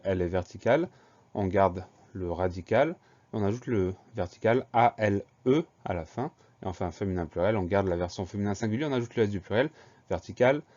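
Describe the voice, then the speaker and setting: Male teacher, lowish voice, patient and methodical, walking children through spellings; dull, lo-fi recording. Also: darkish tone. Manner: slow, patient, spells words letter by letter.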